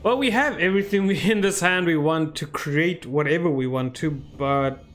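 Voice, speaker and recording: A man's voice: fairly high pitch, normal speed, fairly bright tone, soft background music. Chatty male gamer thinking aloud. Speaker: game streamer. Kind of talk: casual gameplay commentary.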